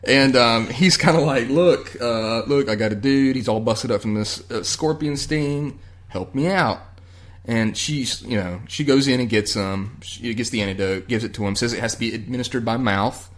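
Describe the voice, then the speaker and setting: A male podcast host talks through an episode recap in a relaxed, chatty way. His speech is loose and profane, padded with ums and uhs. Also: medium pitch, normal speed. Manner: loose and profane, many fillers. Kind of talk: casual chat, recapping a TV episode.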